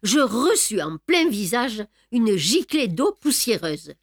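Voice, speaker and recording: A woman reading an audiobook in a measured, wry storytelling manner. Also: on the high side, sing-song, no echo, clean studio sound. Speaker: audiobook narrator. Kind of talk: scripted audiobook narration.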